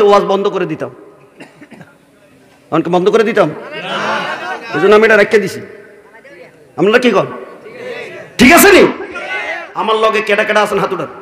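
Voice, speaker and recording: A man's voice: high-pitched, a bit bright, echoey room. Man preaching a fiery waz sermon. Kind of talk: Bengali waz sermon to a crowd.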